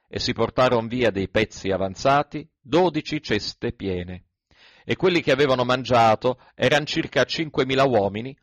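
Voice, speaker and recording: A man reading scripture aloud in a measured, even recitation. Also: mid-range voice, dry recording. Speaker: scripture reader.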